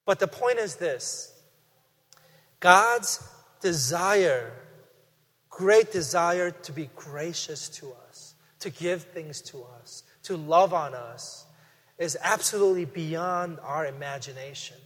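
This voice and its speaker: A middle-aged man preaching a guest sermon in a conversational, animated way, with emphatic rises. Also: a little high, takes it slowly. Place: church sanctuary. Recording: reverberant hall.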